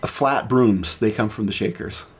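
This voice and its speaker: A man's voice: lowish voice, moderate pace, slightly rough. A man hosting a casual podcast chat, explaining at length with many restarts and fillers. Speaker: podcast host presenting the topic.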